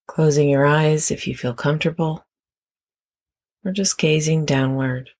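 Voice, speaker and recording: Gentle, unhurried meditation instructions are delivered at a medium pitch with fairly even intonation, long pauses falling between the phrases.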